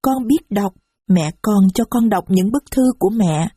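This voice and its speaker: A woman voicing a small, innocent little girl who speaks slowly and sweetly in a storybook reading. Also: medium pitch, animated, dark tone, breathy edge, no room sound, studio quality. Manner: slow, sweet childlike phrasing.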